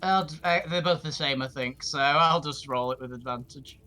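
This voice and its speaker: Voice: medium pitch, normal speed, bright, forceful tone. A player in an online tabletop game, casual and giggly, laughing often while talking.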